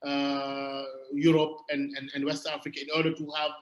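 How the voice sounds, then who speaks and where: A man with a French accent, speaking as a panelist on a video call, halting and searching for words in English. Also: a little high, monotone, reverberant, lo-fi sound. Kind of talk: remote panel talk.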